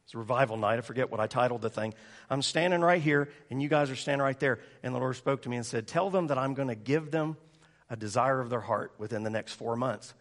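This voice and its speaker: A pastor, telling funny stories and laughing often. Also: male voice, medium pitch, quick pace. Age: 40s. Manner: joking, storytelling, laughing often. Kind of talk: sermon.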